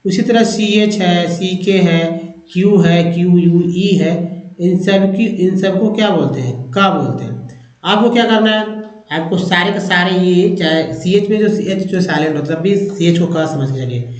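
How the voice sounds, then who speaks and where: A man gives an English pronunciation lesson, breaking words into their vowel sounds and repeating each one slowly. His voice sits fairly high. The recording rings with room echo and sounds a little dull. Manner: explains step by step, repeats sounds slowly, addresses viewers as friends. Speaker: English teacher.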